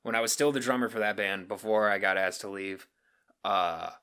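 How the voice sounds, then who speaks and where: A man's voice: on the low side, normal speed, sharp tone, clean tone. A young man, a podcast guest, telling a story in casual chat, his voice jumping up when he recounts outrage.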